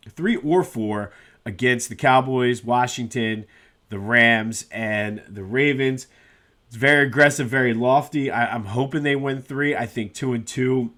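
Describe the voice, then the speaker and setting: Sounding congested and nasal because of a cold, this solo sports podcaster speaks at medium pitch with a slightly bright tone. His delivery is casual and peppered with frequent "uh" fillers.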